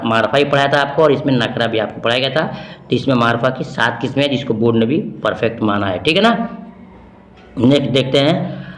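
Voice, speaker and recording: A man's voice: medium pitch, echoey room. A man teaching, walking through an exam answer key in an emphatic way, repeating key terms and asking rhetorical questions.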